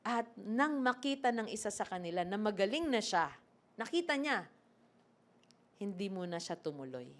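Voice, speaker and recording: A woman preacher giving a lively sermon, acting out scripture and asking the congregation questions. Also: medium pitch, moderate pace, long pauses. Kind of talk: sermon mixing Tagalog and English.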